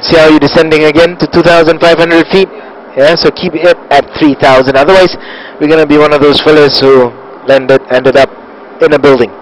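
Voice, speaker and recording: A man coaching live as a flight simulator instructor, giving short, calm, encouraging step-by-step instructions. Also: on the high side, brisk, low-quality recording. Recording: steady cockpit-like background noise.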